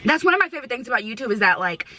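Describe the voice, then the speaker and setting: A woman's voice: on the high side, big pitch swings, very fast, pushed and bright, slight background noise. A young woman chatting casually as a vlogger in slangy, sweary, emphatic stoner talk, often repeating herself. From United States. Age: young adult. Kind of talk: casual chat to camera.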